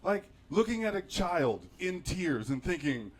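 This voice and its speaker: A man's voice: high voice, very animated, a little slow. A man telling a reflective personal story in a casual monologue, laughing at himself often and often restarting his sentences. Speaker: podcast host.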